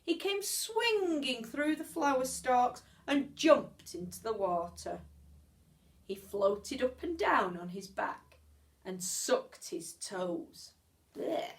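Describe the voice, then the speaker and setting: Reading a children's story aloud like a teacher, a woman uses a voice on the high side with big pitch swings. She's expressive, pausing in measured beats and stretching out words.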